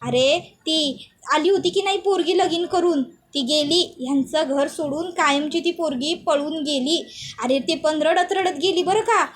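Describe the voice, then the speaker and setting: A woman's voice: high voice, a little slow. A woman voicing a sly, spiteful village aunt who mockingly spreads gossip, recapping a television serial. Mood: gleeful gossip.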